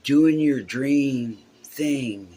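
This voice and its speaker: A man's voice: mid-range voice, extremely slow, warm tone, slightly rough. A man, a musician telling a heartfelt, profane story in a casual way.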